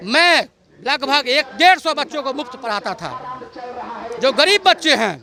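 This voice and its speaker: A man's voice: very high-pitched, sharp tone. A man, a protesting teacher candidate, speaks to reporters outdoors, arguing passionately with rhetorical questions. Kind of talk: street interview.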